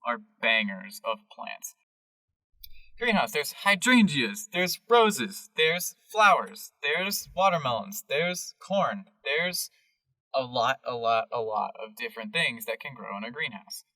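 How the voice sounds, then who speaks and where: A man's voice: mid-range voice, sing-song, unhurried, pushed and bright, far from the mic, poor audio. A man narrating a tabletop game as game master, rambling and listing things eagerly.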